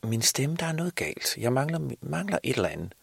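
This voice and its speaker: A man's voice: medium pitch, big pitch swings, vocal fry, husky, no room sound, pitched above the performer's own voice, heavily acted. A man voicing an eager young man out of work who wants to become Santa, stumbling over his words. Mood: earnest.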